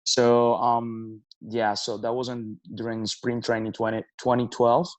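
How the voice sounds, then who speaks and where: A man, a baseball manager answering interview questions in halting speech, with many restarts and fillers. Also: mid-range voice, level tone, no room sound. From Venezuela. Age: 30s.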